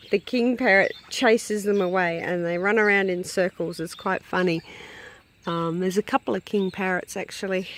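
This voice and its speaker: Woman, casual farm vlogger, even mid-range voice, chatty with her animals, outdoors with faint birdsong behind. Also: a little hiss or hum. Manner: chatty, fond, calls to animals in a high sing-song. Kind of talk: casual walk-around narration. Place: outdoors on a rural property.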